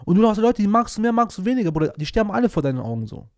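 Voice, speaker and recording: A man talks in a casual chat, his voice high and quick as he tells animated stories about his old care job. He speaks in street slang and cuts himself off and restarts often. The sound is dry and close. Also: no room sound. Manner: slangy and emphatic, often says "bro"; animated storytelling with many restarts. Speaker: former care worker.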